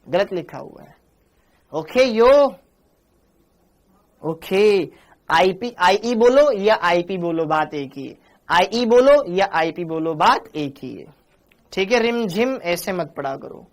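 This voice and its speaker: A man teaching a live online chemistry class, coaxing and teasing his students as he reads their chat messages. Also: sits high.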